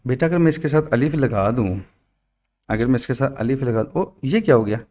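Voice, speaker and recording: A man's voice: mid-range voice, animated, darkish tone. Patient male Quran teacher on a call. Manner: explains patiently, drawn-out letter drills; mixes English words into the teaching. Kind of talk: online tajweed lesson. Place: at home for an online class. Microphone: computer mic on a video call.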